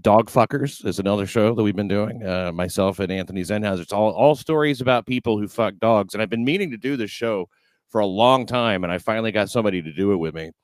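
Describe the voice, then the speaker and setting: A man hosting a podcast, chatting casually with a dry, deadpan delivery. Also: on the low side, quick pace, no echo. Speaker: podcast host. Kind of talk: casual comedic podcast chat.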